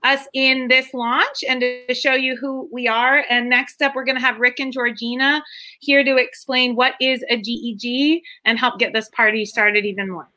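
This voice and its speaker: Bright high-voiced woman on a call. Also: fairly even intonation, normal speed. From Northern California. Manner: upbeat, with fillers. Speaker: community group founder and host. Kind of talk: casual video call introductions.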